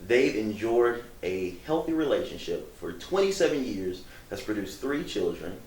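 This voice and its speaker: A man hosting a talk show, who introduces his guests and asks them questions in measured, formal phrasing. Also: on the low side. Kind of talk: interview hosting. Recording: echoey room, distant mic.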